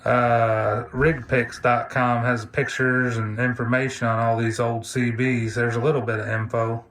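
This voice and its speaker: A hobbyist video presenter gives an unscripted, casual gadget demo, hands-on and technical yet easygoing. His medium-pitched, slightly bright voice moves little in pitch and stays unhurried. A phone camera mic records it, with radio chatter and hiss behind him.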